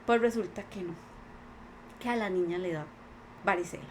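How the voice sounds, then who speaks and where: A woman's voice: lowish voice, moderate pace, slight background noise. A woman with a Costa Rican accent, a podcast guest, earnestly telling her own life story in conversation and acting out what others said. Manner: earnest, many quoted voices. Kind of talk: personal testimony in conversation.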